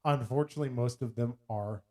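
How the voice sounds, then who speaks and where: A man's voice: medium pitch, fast talker. A man co-hosting a podcast in casual, playful chat, putting on voices when he quotes things. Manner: playful, jokey, animated when quoting. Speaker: podcast co-host.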